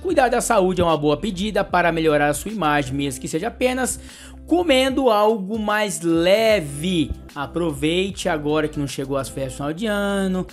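A man with a Brazilian Portuguese accent hosting an astrology channel. He reads the daily horoscope and pitches his services, speaking to the listener directly in an affectionate, upbeat way. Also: lively intonation, normal speed, faint music behind. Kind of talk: horoscope reading and sales pitch.

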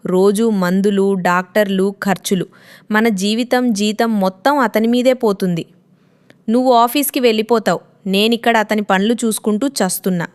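A woman voicing a harsh young daughter-in-law who scolds in a sharp, complaining tone. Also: medium pitch, steady tone, normal speed, clean tone, natural voice. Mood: angry.

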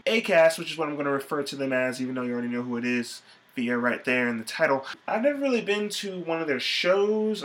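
A man's voice: fairly high pitch, fairly bright tone. A tired young man talking casually to camera in his small bedroom, chatty and playful as he hosts a band interview. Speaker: music vlogger interviewing a band. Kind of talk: casual vlog talk to camera. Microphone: camera mic at close range.

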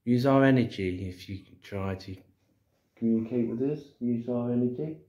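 A man's voice: medium pitch, normal speed, mellow, dry recording. An English man investigating a haunted church, calling out to spirits and remarking on the building, filmed on a handheld phone. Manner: calls out firmly to spirits, then muses plainly. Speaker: paranormal investigator. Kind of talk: ghost-hunting commentary. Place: outdoors in a churchyard and inside a church porch. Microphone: handheld phone camera.

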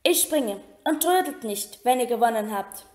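An urgent, commanding young boy wizard at a chess game, as a woman reads him aloud. He gives quick orders in a slightly raised voice, in a roomy-sounding storybook reading. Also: on the high side, animated, darkish tone, lightly acted.

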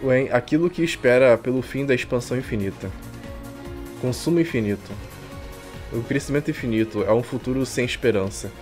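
Over background game music, a Brazilian man reads a visual novel aloud as a streamer, commenting irreverently in slang. His medium-pitched voice is a little mellow and slightly fast.

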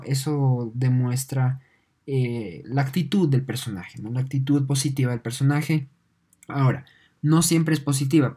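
A teacher with a mellow, dark tone walks students through a lesson at an unhurried pace. The delivery is patient and halting, with repeated words and a questioning "no?" to check understanding. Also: mid-range voice. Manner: patient, often ends points with a questioning "no?". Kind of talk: online lesson explaining on screen.

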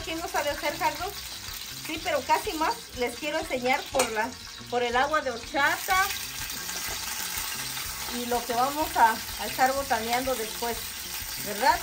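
A woman's voice: sits high, normal speed, background noise. A middle-aged woman hosting a casual home cooking video, explaining each step to viewers in a homely way. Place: outdoor covered backyard kitchen.

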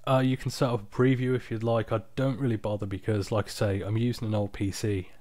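Male, low-pitched, tired, casual screen-recording walkthrough, unpolished and informal, dry close sound. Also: level tone, quick pace, darkish tone, no room sound. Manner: informal, unpolished, off-the-cuff explaining. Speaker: software tutorial presenter. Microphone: external microphone, close and dry.

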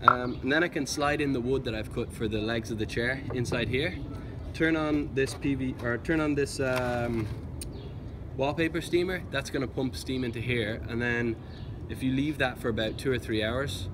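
A man's voice: medium pitch, fairly even intonation, moderate pace. A man in his thirties explaining a DIY job casually to camera. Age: 30s. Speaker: DIY video maker. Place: outdoors on a city street. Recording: noisy outdoor city street.

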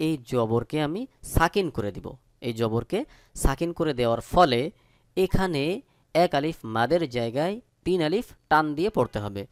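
A man teaching Quran recitation in Bengali-accented speech. He spells each letter and vowel mark, then recites the words slowly. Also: mid-range voice, no room sound, studio quality. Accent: Bangladeshi Bengali. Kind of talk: step-by-step recitation lesson.

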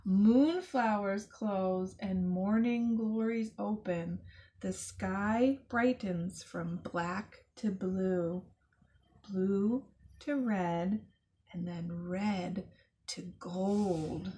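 A woman voicing a gentle mother owl in a children's picture-book read-aloud, with a slow, soft, lulling delivery. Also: medium pitch. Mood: soothing.

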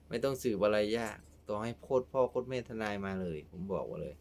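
A man's voice: on the low side, expressive, moderate pace, darkish tone. A man delivering a casual, heated, scolding monologue to his fans. He is crude and keeps adding repeated filler tags. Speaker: online commentator addressing his fans.

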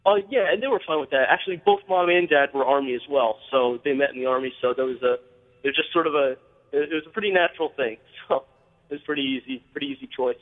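A man calls in to a radio show by phone and speaks earnestly on air, with many fillers and restarts. His medium-pitched voice moves at a quick pace, sounding tinny over the phone line with long reverb.

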